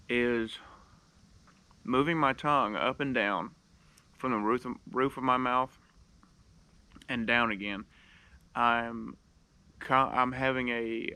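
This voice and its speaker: A man's voice: mid-range voice, pushed and bright. A man giving a casual, plain-spoken how-to tutorial, showing each step and repeating the key points. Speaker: duck call instructor.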